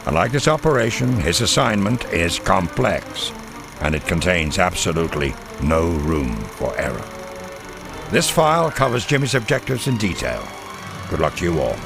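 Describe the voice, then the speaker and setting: With music playing behind him, a deep-voiced male actor plays a middle-aged WWII American intelligence colonel giving officers a scripted, dramatic mission briefing in a game cutscene. The performance is heavily acted and very animated, grave and admiring in mood, while staying formal, authoritative and measured, with crisp military delivery and weighty pauses.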